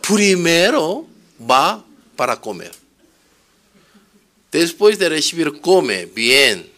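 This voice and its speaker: A male preacher delivers a sermon in a slow, deliberate rhythm. He tells stories emphatically and keeps asking his listeners rhetorical questions. His voice is bright and forward. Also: on the high side, very animated.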